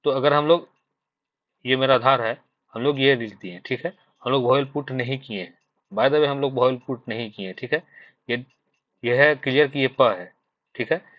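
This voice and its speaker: A man from Jharkhand teaches shorthand in an exam-prep class, speaking at an everyday pitch. He explains patiently, circling back over each point and checking in with the students. The voice is close and dry, with a slightly dull, muffled tone. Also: normal speed, pauses often, no echo. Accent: Hindi speaker from Jharkhand. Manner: patient, repetitive explaining with frequent fillers and "thik hai" checks. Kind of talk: online exam-prep lesson.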